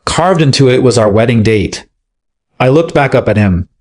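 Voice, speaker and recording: A man reading a dramatic first-person story aloud as scripted narration, in a steady, measured way. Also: mid-range voice.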